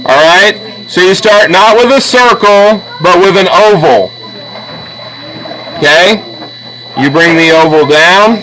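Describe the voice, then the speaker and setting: A man with a high-sitting, bright, forceful voice teaches a drawing class to students in a classroom, speaking slowly and pausing often. As an art teacher he goes step by step, patiently checking in with "okay?" and "all right?" along the way. The recording quality is low.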